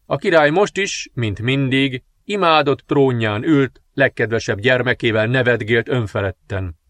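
A man narrating a dark fantasy audiobook with measured, dramatic storytelling. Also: medium pitch, dry recording.

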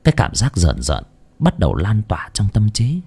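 Expressive male ghost story narrator. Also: lowish voice, gravelly, husky. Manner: expressive storytelling with dramatic pauses. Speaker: audiobook narrator.

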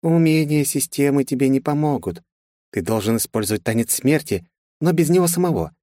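A man's voice: mid-range voice, animated, brisk, mellow, dry recording, studio quality, voice pushed up, lightly acted. A man voicing a stern, irritable female mentor who speaks in a raised, instructive tone.

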